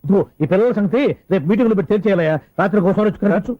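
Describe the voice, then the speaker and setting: A high-voiced, fast-talking secretary. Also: male voice, dry recording, phone-quality sound. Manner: rambling, talks past others. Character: bumbling, mishearing middle-aged secretary.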